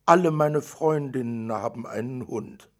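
A man's voice: mid-range voice, measured pace, a bit bright, voice pushed up, natural voice. A man voicing a stubborn little girl who pleads and whines to get her way. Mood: pleading. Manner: wheedling and whiny.

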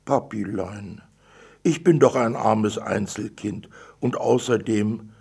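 A man's voice: fairly low pitch, slow, gravelly, a little mellow, husky, heavily acted. A man voicing a stubborn little girl who pleads and whines to get her way. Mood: pleading. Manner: wheedling and whiny.

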